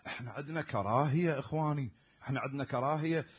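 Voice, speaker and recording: A man's voice: mid-range voice, fast talker, slightly rough. A man preaching a sermon in an Iraqi Arabic accent, stressing words hard and then dropping almost to a murmur. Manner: emphatic, swinging from loud stresses to near-murmurs.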